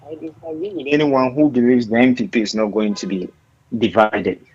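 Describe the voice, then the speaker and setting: A man arguing insistently as a political commentator over a glitchy phone line whose pitch jumps up and down. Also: moderate pace, darkish tone, slightly rough. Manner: argumentative, insistent. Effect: glitchy phone line, pitch jumping up and down. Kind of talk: heated political debate.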